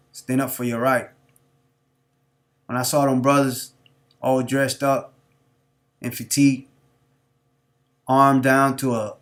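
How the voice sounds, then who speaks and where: A man hosting a live stream, talking off the cuff in a preachy, repetitive, street-talking way. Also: mid-range voice. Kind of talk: unscripted monologue.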